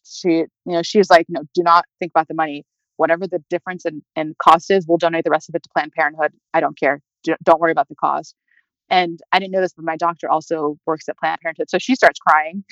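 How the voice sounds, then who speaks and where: A young woman telling her own story in a halting, conversational way, with nervous laughs and a voice that rises toward tears. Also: fairly low pitch, no room sound. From California. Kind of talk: personal storytelling. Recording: dry, slightly muffled audio.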